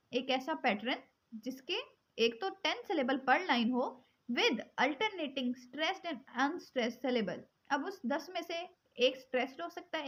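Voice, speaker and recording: A woman teaching English poetry forms, switching between Hindi-Urdu and English and reading English definitions slowly. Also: high voice, pushed and bright. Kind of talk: explaining poetry forms in a lesson. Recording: dull lo-fi sound.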